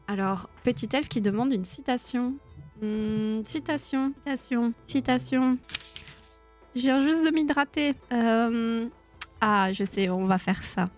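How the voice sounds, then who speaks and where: A woman's voice: on the high side, unhurried, soft background music. A woman hosting a casual live stream, chatting with her viewers, laughing often and filling her talk with hesitations. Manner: chatty, laughs often, many fillers and restarts.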